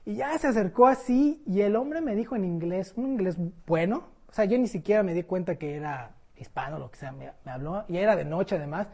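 A woman preaching a sermon in a conversational, animated storytelling way. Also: medium pitch, fairly quick, hardly any pauses, husky.

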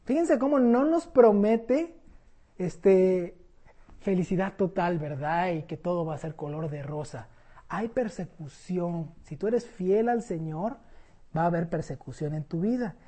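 A woman preaching a sermon in a conversational, animated storytelling way. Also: on the low side, unhurried, slightly rough.

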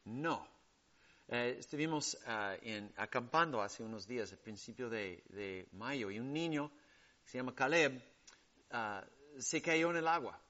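A man preaching a sermon with emphatic stresses that drop to hushed, soft passages. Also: unhurried, muffled recording. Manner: emphatic preaching that swings between loud stresses and hushed lows.

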